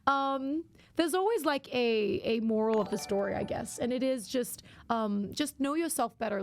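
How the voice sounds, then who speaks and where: A young woman, a variety streamer, chats casually while gaming, rambling with lots of fillers. Her fairly high voice is gravelly, darkish, and a little worn out, with no room sound.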